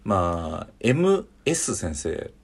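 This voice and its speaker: A man in his thirties hosting a casual chat, telling a school memory with lively delivery. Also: low voice, takes it slowly, creaky, husky. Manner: animated storyteller, acts out quoted voices. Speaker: podcast co-host.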